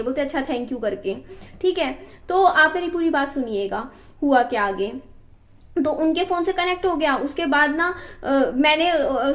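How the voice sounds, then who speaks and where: High-voiced young woman, chatty vlogger. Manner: chatty, keeps asking listeners to agree. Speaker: family vlogger. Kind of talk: casual vlog chat.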